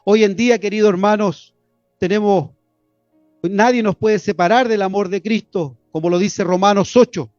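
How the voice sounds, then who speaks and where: A man's voice: high-pitched, normal speed, darkish tone, no echo, highs cut off, soft background music. A man from Chile preaching an expository sermon, earnest and repetitive, often addressing his listeners as brothers.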